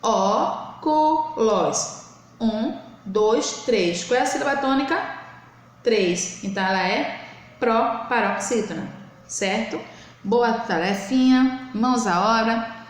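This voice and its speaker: A woman's voice: fairly high pitch, slow pace. A woman, teaching a young class in a recorded remote lesson, patiently stretching words out syllable by syllable. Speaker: primary school teacher. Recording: very echoey room, faint noise.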